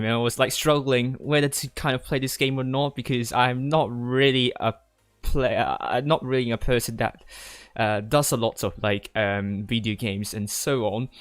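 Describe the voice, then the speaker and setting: A young Hong Kong man streams games from a gaming chair at his desk, answering viewers in a casual Q&A with hesitant rambling and frequent repeated words. He's also a tournament commentator, and his medium-pitched, slightly bright voice sounds clean with no room sound.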